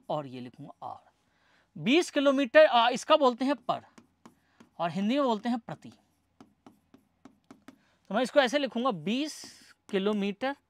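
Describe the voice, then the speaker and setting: In a classroom lecture, a man with a very high-pitched voice asks questions and answers them himself, folding English terms into his explanation and restating every point in question-and-answer form. He addresses students as "bhai sahab," and the studio-quality recording has no echo.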